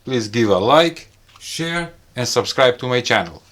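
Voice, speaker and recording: The host of a gadget review channel, a man speaking English with non-native phrasing, gives a relaxed hands-on look at a product. His medium-pitched voice is animated but a little slow, and loud music plays behind it.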